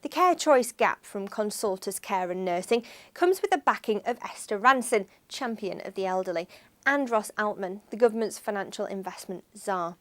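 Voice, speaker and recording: A woman reading a scripted news-style voice-over for a finance firm in an even, measured way. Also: on the high side. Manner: even, measured read of figures.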